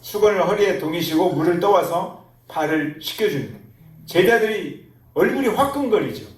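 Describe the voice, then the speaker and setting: A male pastor preaching a sermon, telling the story animatedly and acting out the quotes, in an echoey church. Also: high voice. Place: church sanctuary. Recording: roomy church hall, mic at a distance.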